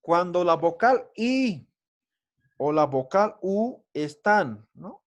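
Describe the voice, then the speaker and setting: A man's voice: high voice, sing-song, slow pace. A man teaching a language lesson in an online class, patient and explanatory, often checking in with his students with short tag questions. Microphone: video call.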